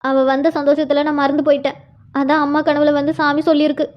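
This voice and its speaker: A woman's voice: high-pitched, little pitch movement, fast talker, highs cut off, voice pushed down, close to an everyday voice. A woman voicing a remorseful elderly woman in a cartoon, speaking apologetically. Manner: confessing, apologetic.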